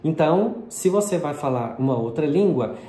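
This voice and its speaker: In an echoey room with faint noise, a Brazilian man who teaches linguistics walks through a phonetics video lesson patiently and clearly, peppering it with diminutives. His voice is fairly high, animated, and dark in tone, at a normal speed.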